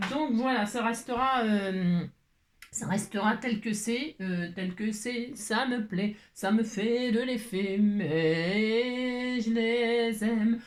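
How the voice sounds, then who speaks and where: A woman's voice: a little high, roomy sound. A French woman chatting in a rambling way, talking to herself as she leads a crafting tutorial at home. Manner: rambling, talks to herself, many "hein"s. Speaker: crafting vlogger.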